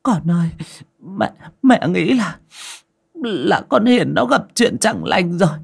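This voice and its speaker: A man voicing a scheming elderly mother with a high, wailing voice. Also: sing-song, takes it slowly, vocal fry, breathy edge, full character voice. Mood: whining.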